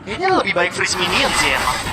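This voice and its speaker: Fast, high-pitched male esports analyst. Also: sing-song. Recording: very noisy live event sound.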